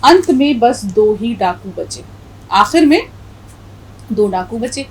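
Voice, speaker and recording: A woman teaching Urdu letters slowly and clearly, while reading a story aloud. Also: on the high side, animated, rough recording. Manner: slow, clear, spells out letters deliberately. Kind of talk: language lesson with story reading.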